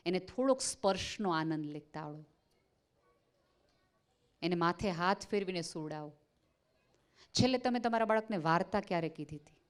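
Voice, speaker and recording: A woman's voice: on the low side, normal speed, long pauses. A woman speaking at a parenting seminar, talking earnestly to parents and slipping into quoted voices as she tells stories. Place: school seminar hall.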